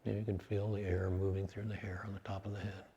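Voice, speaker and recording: In a dull-sounding recording, a man with a low voice leads a guided meditation, calm and measured, his short phrases spaced by long pauses.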